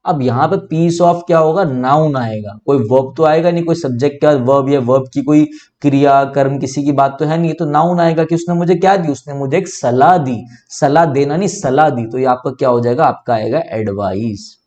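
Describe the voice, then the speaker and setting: A man's voice: a little high, moderate pace, darkish tone, muffled recording. A young man with an Indian accent teaching an online English grammar lesson, explaining step by step and asking and answering his own questions. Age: young adult.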